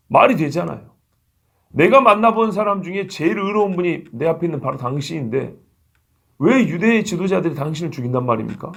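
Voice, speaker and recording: A preacher takes on the voice of an impulsive disciple who protests to his teacher. The voice sits a little high and gravelly, with a husky, breathy grain. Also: exaggerated voice.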